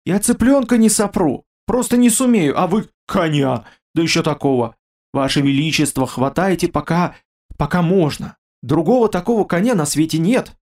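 A man's voice: high voice, expressive, normal speed, a little mellow, pitched above the performer's own voice. A man reading a story, voicing a trembling, fawning old peasant who pleads and babbles in a raised voice. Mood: pleading.

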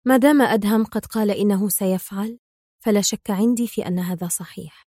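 A woman voicing a cool-headed young female intelligence agent who answers coldly and calmly. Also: mid-range voice, brisk, dry recording, clean studio sound, natural voice. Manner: cold, composed.

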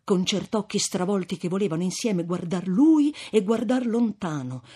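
Husky woman reading a classic novel. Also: mid-range voice. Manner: measured, expressive storytelling. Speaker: audiobook reader. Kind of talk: scripted narration of a classic novel.

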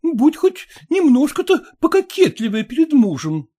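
Brief: a man playing a fretful middle-aged mother who nags and scolds, lively and mellow, storybook reading. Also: extremely high pitch, normal speed, exaggerated voice. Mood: nagging. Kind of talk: audiobook character voice.

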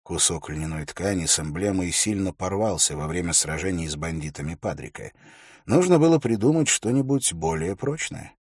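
A man narrating an audiobook in a measured, even way. His voice is very deep and a little husky. The recording is dry and close, with no room sound. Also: dry recording.

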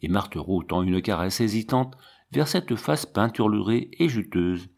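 A man reading a classic novel aloud as an audiobook, in a measured narrating voice. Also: fairly low pitch, lively intonation, vocal fry, darkish tone. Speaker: audiobook reader.

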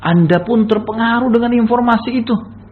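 A man's voice: very high-pitched, a little fast, narrow, tinny audio, voice pushed up. A man voicing a wronged young woman who grieves and insists on her innocence, with a tearful, protesting manner. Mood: distressed.

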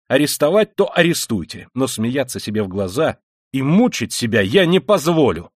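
Guy doing a proud young student on edge, shouting, dry sound. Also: on the low side, very animated, moderate pace, dry recording. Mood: agitated. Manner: tense, shouting in outbursts.

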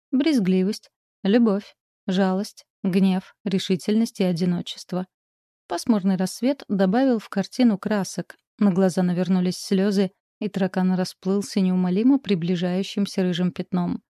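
A woman narrating a literary story in a calm, measured audiobook reading. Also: medium pitch, dry recording, clean studio sound.

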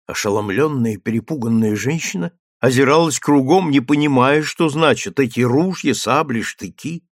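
A man narrating an audiobook in a steady, measured reading. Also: medium pitch, no room sound, clean studio sound. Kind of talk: scripted narration.

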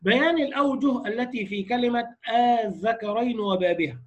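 Egyptian male recitation teacher, high voice, explains step by step and keeps checking that students follow. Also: fairly quick, muffled recording. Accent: Egyptian Arabic. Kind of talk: lecture on recitation variants.

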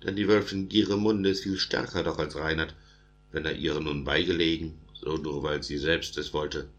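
A small, loyal badger defending his godfather in a storybook, voiced by a man with a very deep voice. He pleads earnestly in rhythmic verse. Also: fairly even intonation, normal speed, a bit bright.

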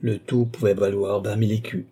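Dark, husky male narrator. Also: lowish voice, little pitch movement, fairly quick. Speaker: audiobook narrator. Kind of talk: literary audiobook reading.

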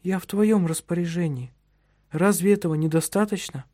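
A man's voice: normal speed, mellow, no room sound, clean studio sound, close to an everyday voice. A male narrator voicing a prim, frightened young French wife in a raised, pleading voice. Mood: fearful. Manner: high pleading voice rising to shrill cries.

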